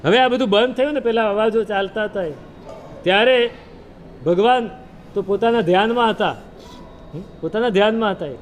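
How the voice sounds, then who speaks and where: A man's voice: high-pitched, moderate pace, long pauses, slight background noise. A man preaching a sermon, retelling a scripture story with rhetorical questions and chanted verses.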